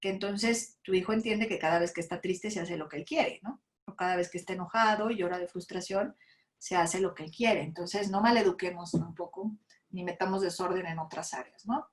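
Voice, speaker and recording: A woman's voice: lowish voice, fairly quick. A woman with a Mexican accent giving a lecture to parents. She often adds tag questions and acts out what parents and children say. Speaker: speaker at a school talk on emotions.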